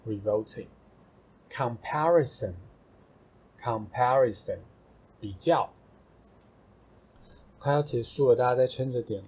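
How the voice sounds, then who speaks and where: A man's voice: medium pitch, normal speed, pauses often, darkish tone, breathy edge. A man with a Taiwanese Mandarin accent, casually explaining English vocabulary as a podcast host, thinking aloud with fillers and self-corrections.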